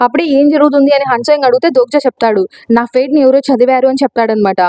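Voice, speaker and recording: Woman, high voice, quick chatty recap narration, dry close mic. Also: mellow, dry recording. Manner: rapid chatty retelling with quoted lines. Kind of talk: casual storytelling recap.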